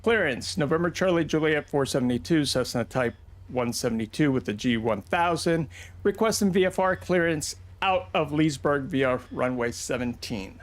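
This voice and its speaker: A man on a headset mic, making clipped pilot radio calls and reading out his call sign and runway calmly and carefully. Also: a little high, moderate pace.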